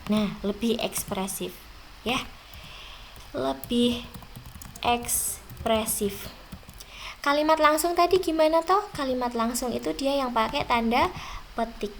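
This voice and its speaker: A young woman teacher goes over exam questions with her students. Her voice sits a little high, and she slows right down on the words she wants them to remember. Faint noise hums under the recording. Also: lively intonation. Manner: slow, drawn-out stressed words, addressing students directly. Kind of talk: exam review lesson.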